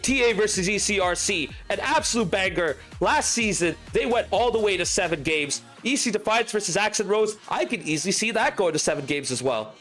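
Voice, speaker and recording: A man commentating a video game match live and hosting the stream, getting excitable and shouting at big plays. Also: high voice, brisk, hardly any pauses, soft background music. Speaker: esports commentator and stream host.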